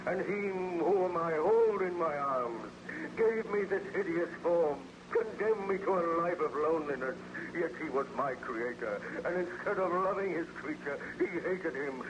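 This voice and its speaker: Wounded monster: slow, declamatory, tormented and remorseful. Vintage radio drama, muffled and noisy. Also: male voice, a little high. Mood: tormented, bitter. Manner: declamatory, anguished, archaic formal speech. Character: wounded, remorseful, bitter monster mourning his creator. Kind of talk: 1930s radio acting. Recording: noisy, muffled old-time radio recording.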